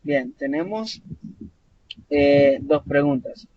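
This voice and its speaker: Slow and animated, a Salvadoran man with a fairly high voice and a Salvadoran Spanish accent tutors students online, patiently explaining while stumbling through many fillers and self-corrections. The class audio is dull, lo-fi, and faintly noisy.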